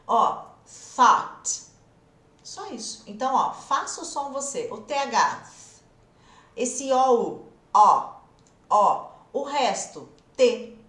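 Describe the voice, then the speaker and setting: Brazilian woman teacher, higher voice, animated delivery, roomy echo. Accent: Brazilian Portuguese. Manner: animated, demonstrative explaining, addresses viewers directly. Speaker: English teacher. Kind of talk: live online English lesson.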